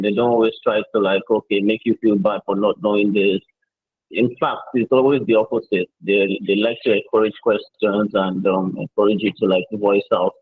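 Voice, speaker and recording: A man's voice: lowish voice, breathy edge. A man giving earnest course feedback on a video call over a bad connection, hesitant and full of fillers. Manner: earnest, many fillers and restarts. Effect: bad connection, tinny and phone-like. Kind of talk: casual spoken testimonial on a video call. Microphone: video call mic with interference. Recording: tinny phone-like call line.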